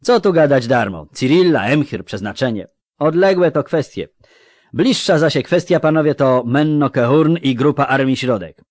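A man's voice: medium pitch, expressive, normal speed, no room sound, clean studio sound, pitched above the performer's own voice, natural voice. A male narrator voicing a sullen, mocking male dwarf with a gloomy, sneering manner.

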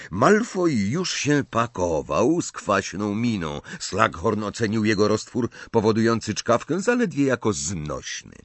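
A man narrates an audiobook in a measured, expressive way. His voice is fairly low yet lively in pitch. The sound is dry and close. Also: dry recording. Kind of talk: scripted narration.

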